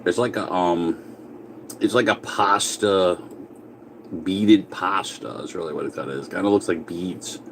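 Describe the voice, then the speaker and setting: Deep-voiced guy eating and chatting on a phone live, kinda rambly, faint aircon hum. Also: a little slow, poor audio. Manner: rambling, reads and answers viewer comments; talks with his mouth full. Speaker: livestream host. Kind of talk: casual livestream chat while eating.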